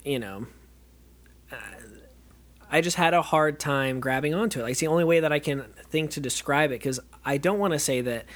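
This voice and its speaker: Male podcast co-host, casual film talk, hedging and searching for words. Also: mid-range voice. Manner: hesitant, circling, restarts to qualify opinions.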